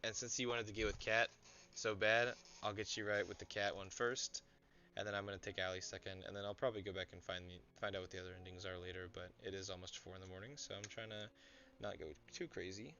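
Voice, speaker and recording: A man's voice: low voice, level tone, fast, bright, forceful tone. A young man streaming a story game, reading the narration aloud and chatting to viewers between scenes. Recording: dull lo-fi audio, faint music.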